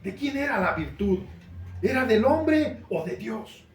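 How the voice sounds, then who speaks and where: A man's voice: sits high, very animated, measured pace, a little hiss or hum. A man preaching a sermon as pastor in a church, earnest and building to emphatic questions. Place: church hall. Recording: roomy church sound from a distant mic.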